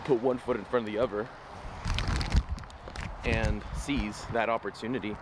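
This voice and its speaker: A vlog host walks outdoors along a city street, speaking at a moderate pace in a lowish voice with fairly even intonation. Though his voice is going, he keeps up a casual, rambling, upbeat pep talk to the camera amid street noise.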